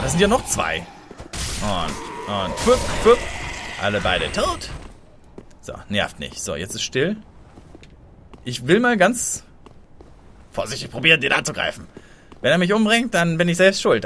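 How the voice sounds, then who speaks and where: A man commentating a blind let's play, excitable and easily startled, chatting to viewers and making little sound effects as he plays. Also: medium pitch, slight background noise.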